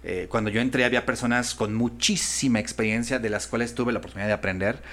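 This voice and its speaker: A man's voice: medium pitch, fast talker, a bit bright. A man, a voice-over artist and voice coach, chatting thoughtfully and restarting often as he searches for words. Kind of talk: casual conversation.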